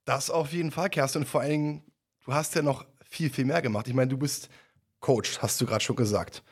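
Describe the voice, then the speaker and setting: A man's voice: medium pitch, steady tone, brisk, breathy edge. A man hosting an interview, speaking in a friendly way that rambles a little and often repeats words. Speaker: podcast host, interviewer. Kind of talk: conversational interview.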